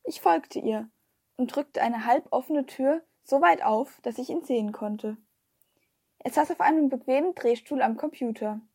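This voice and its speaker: A woman narrating a children's story in a lively first-person storytelling manner. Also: high voice, a little slow, breathy edge, no echo, studio quality. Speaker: audiobook reader.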